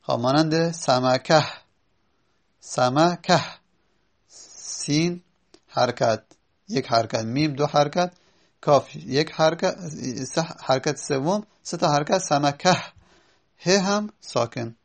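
A man lecturing in a slightly high, gravelly voice. He walks through his examples slowly, letter by letter, with patient pauses and fillers. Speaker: teacher of Arabic prosody. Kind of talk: spoken lecture.

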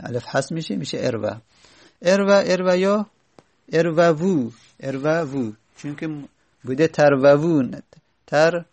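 A man teaching a grammar lesson, slowly repeating and sounding out word forms and correcting himself as he goes. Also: mid-range voice, vocal fry.

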